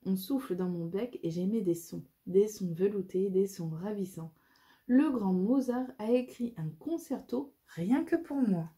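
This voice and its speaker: A woman voicing a gentle, wise talking clarinet in a storybook, speaking softly and soothingly. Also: mid-range voice, unhurried, husky. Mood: proud. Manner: soft, soothing.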